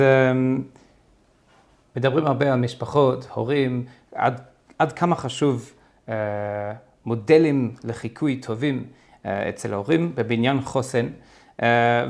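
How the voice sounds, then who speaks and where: A man's voice: mid-range voice, creaky, a little mellow. A man hosting an interview, asking his guest questions in a hesitant way with many fillers.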